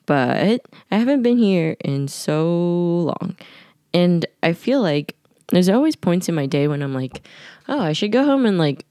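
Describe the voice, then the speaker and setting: A young woman records a casual voice diary at home late at night, a podcast diarist rambling in a scatterbrained way with many "like" fillers. Her lowish voice is slightly nasal, dark, clear and resonant, swings widely in pitch, and moves unhurriedly. The sound is clean studio audio with no echo.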